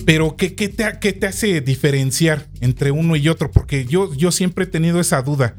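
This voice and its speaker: A man's voice: on the high side, moderate pace, faint music behind. A man hosting a casual chat, reading a job posting aloud and adding jokes. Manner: reads aloud, then jokes.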